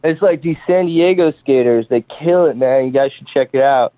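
A male caller coming through a phone line, thin and boxy with a dry, close sound. He's easygoing and slangy, chatting casually at an ordinary middle pitch. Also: moderate pace, no echo. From Southern California. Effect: over the phone. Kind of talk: casual call-in chat.

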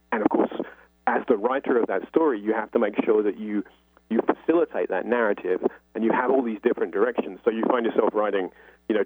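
Speaking as a guest in an interview, this man goes on at length, talkative and explanatory, peppering his speech with "you know." His voice is fairly low and husky, with no room sound, carried over a thin line that sounds like a phone.

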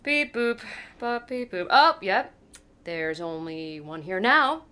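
A woman's voice: mid-range voice, animated, takes it slowly, sharp tone, clean tone. A woman playing an offhand, easily rattled female delivery worker in an improvised comedy scene, mumbling and casual.

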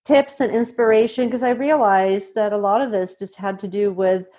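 Brief: woman, 40s, guest author, easygoing and unhurried, filler-heavy talk. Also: mid-range voice. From Sweden. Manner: relaxed, with frequent ums and uhs. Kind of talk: conversational interview answers.

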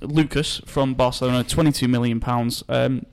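A man hosting a football transfer podcast in casual chat, talking in quick, halting bursts with many restarts. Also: mid-range voice, steady tone, clean tone. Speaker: podcast host.

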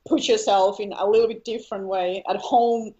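A woman's voice: medium pitch, steady tone, moderate pace, dark tone, muffled recording. A Finnish woman being interviewed about her singing, speaking English with a Finnish accent, searching for words and laughing often. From Finland. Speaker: guest singer. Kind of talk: casual interview chat.

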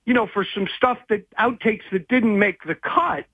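High-voiced man on a tinny phone line. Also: normal speed, breathy edge, no room sound. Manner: rambling and hesitant, many restarts. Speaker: guest investigative journalist. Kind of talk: phone interview chat.

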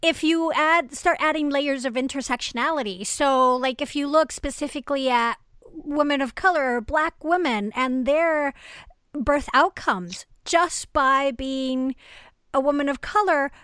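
A woman from Venezuela hosting a podcast, quick and frank in casual conversation. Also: high-pitched, a bit bright, no echo. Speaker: podcast host.

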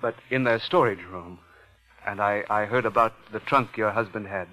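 Brief: a halting, pleading young man, 1940s radio drama narration. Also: fairly low pitch, pushed and bright, poor audio. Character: nervous, stammering young ex-soldier intruder. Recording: old radio broadcast with music.

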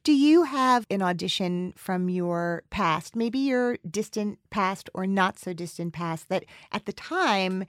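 A woman hosting a casual interview, joking with quick, playful banter. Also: mid-range voice, expressive, no echo, studio quality. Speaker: podcast host.

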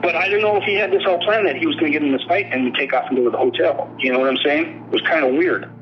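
A man's voice: a little high, fast, lo-fi sound. A middle-aged father being interviewed, talking in a rambling, profane, emphatic way.

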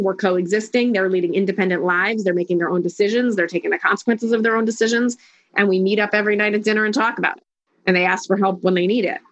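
Speaking in an interview with a mid-range voice whose highs are cut off, a woman life coach lays out her views emphatically. She talks in firm declarations and picks up speed as she lists point after point.

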